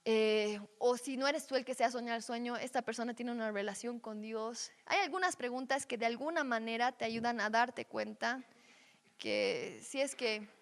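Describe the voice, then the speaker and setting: A Bible teacher with a fairly high voice leads a teaching session conversationally at a normal speed, frequently checking in with her listeners. A long reverb surrounds her voice, as though she were in a large hall.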